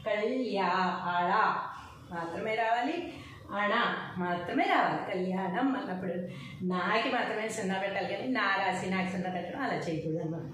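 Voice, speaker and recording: A woman teaching a lesson, reciting syllables slowly and explaining how to write them. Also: mid-range voice. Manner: slow, drawn-out recitation of syllables. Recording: echoey room, faint noise.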